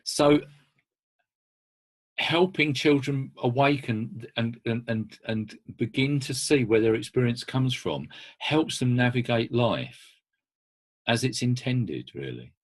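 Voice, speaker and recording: Husky man telling stories on a call. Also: mid-range voice, slow. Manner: conversational, anecdotal, with frequent restarts. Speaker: speaker working with children. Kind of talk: informal talk with stories. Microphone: video call.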